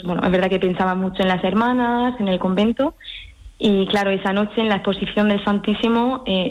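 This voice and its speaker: A woman raised in France, now a nun, recounts her calling in a gentle, thoughtful voice. She talks slowly and reflectively, often hesitating and starting her sentences over. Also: medium pitch, poor audio. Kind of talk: personal vocation testimony.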